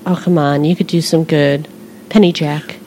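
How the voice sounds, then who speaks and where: A woman's voice: low-pitched, steady tone, moderate pace, warm tone, a little hiss or hum, rough recording. A woman hosting a casual chat, playful and enthusiastic, laughing easily. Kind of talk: casual conversation.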